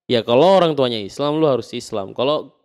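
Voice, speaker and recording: A man hosting a casual podcast interview, asking probing questions and often nodding along with quick affirmations. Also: mid-range voice, darkish tone. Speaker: podcast host.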